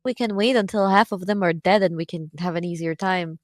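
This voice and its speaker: A woman's voice: on the low side, a little fast, no echo. A woman playing a tabletop game, talking through tactics in an easygoing way. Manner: plans tactics aloud, easygoing. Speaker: player. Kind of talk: casual tabletop game play.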